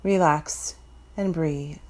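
A woman from Florida leads a guided meditation, her voice slightly low and soft. She speaks very slowly and calmly, with long pauses between her gentle instructions. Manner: slow, soft, calm instructions.

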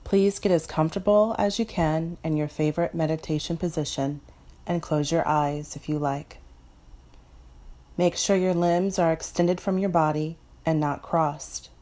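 Slow, calm woman guiding meditation. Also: low-pitched. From Florida. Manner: slow, soft, calm instructions. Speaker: meditation guide. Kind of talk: guided meditation.

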